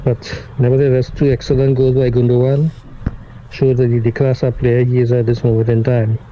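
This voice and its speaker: A man calling in with a voice note that is played back over a speaker; he talks in a measured, hesitant way with many restarts. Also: mid-range voice, flat delivery. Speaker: caller sending a voice note. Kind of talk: voice message. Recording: dull lo-fi playback with faint noise.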